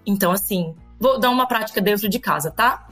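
A woman's voice: mid-range voice, fairly quick, fairly bright tone, soft background music. A woman, a teacher and parenting educator, talking in a podcast conversation and acting out quoted parents and children.

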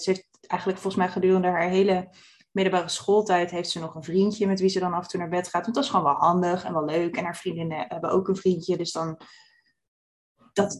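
A woman co-hosting a book discussion, relaxed and hesitant, pausing often as she explains. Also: on the low side. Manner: relaxed, hesitant with many pauses. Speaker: podcast co-host discussing a book.

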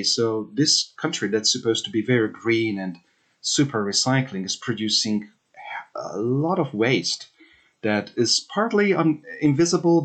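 A man from Hungary in his thirties, a researcher answering interview questions thoughtfully, with many fillers and restarts. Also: mid-range voice.

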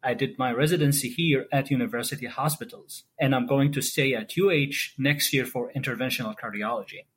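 A man's voice: mid-range voice, brisk, hardly any pauses, fairly bright tone, slightly rough. A man from Saudi Arabia, a cardiology fellow, giving a polite, formal self-introduction as a podcast guest.

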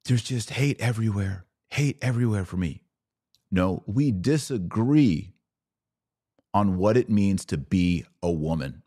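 A middle-aged American podcast host offers emphatic, argumentative opinions on clips he plays, leaning on rhetorical questions. His voice is on the low side, warm, animated, and unhurried.

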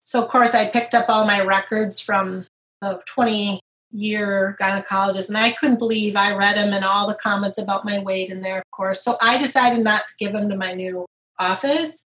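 Speaking at a moderate pace with medium pitch, a middle-aged guest tells her recovery story frankly and sincerely, reenacting scenes through lively quoted dialogue. The recording is rough.

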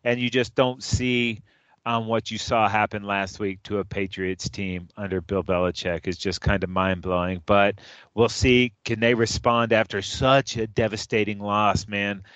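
A man's voice: on the low side, little pitch movement, unhurried, fairly bright tone, clear, resonant tone, no echo, lo-fi sound. A man co-hosting a casual sports chat, loose and jokey, often calling his partner dude. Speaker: sports podcast co-host.

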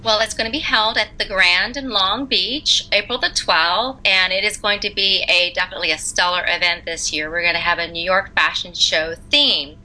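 A woman's voice: mid-range voice, moderate pace, few pauses, bright, forceful tone, poor audio. A middle-aged woman who directs pageants, chatting in an interview and laughing often.

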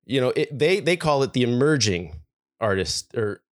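A man's voice: mid-range voice, sing-song, moderate pace, no room sound, clean studio sound. A man hosting a music podcast interview, asking questions hesitantly with many restarts. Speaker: podcast host.

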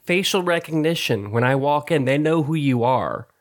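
Animated, swearing man, lively pitch. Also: moderate pace, a little hiss or hum. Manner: animated, profane, laughs often. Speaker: podcast co-host. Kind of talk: casual chat.

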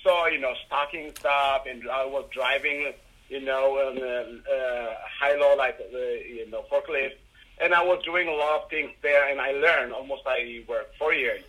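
Interviewed as a guest, a middle-aged rideshare driver from Ethiopia speaks with an Ethiopian accent, stumbling through answers with frequent fillers and restarts. His medium-pitched voice has a sharp tone, and the audio is poor.

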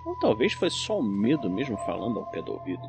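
Male narrator, scripted crime storytelling, clear music bed underneath. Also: fairly low pitch, huge pitch swings, fast.

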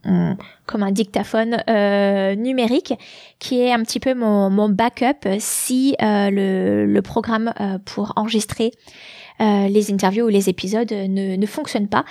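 A woman's voice: medium pitch, steady tone, measured pace, dark tone, no echo. A woman from France hosting her podcast in a casual, hesitant monologue with many fillers, on a large studio mic. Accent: French with slight English influence. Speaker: podcast host. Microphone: large studio mic with headphones.

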